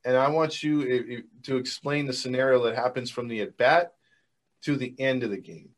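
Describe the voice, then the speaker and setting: A man's voice: medium pitch, moderate pace. A man co-hosting a casual sports podcast, easygoing, with many fillers and restarts. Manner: laid-back, many fillers, agreeable. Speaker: podcast co-host.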